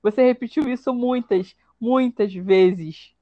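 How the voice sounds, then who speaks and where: A woman's voice: on the high side, slow, dry recording. Woman guest on a dull lo-fi recording. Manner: laughing, teasing recollection. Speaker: podcast guest. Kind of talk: casual podcast chat.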